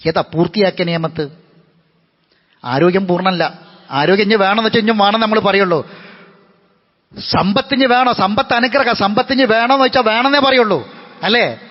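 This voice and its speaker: High-voiced preacher in an echoey hall. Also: male voice. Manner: impassioned, rhetorical questions and repetition. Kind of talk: Friday sermon. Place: mosque hall. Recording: echoey hall, dull lo-fi sound.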